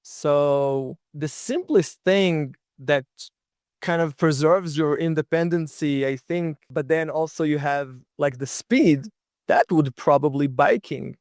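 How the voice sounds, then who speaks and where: A young man from Israel chats easily in an interview, his voice sitting a little high for a man. He tells his stories in a loose, friendly way, dotted with fillers. The sound is dry and close, with no room around it. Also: slow, a little mellow, dry recording. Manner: easygoing, chatty, many fillers like "like" and "you know". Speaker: guest, long-distance bicycle traveler. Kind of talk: casual interview storytelling.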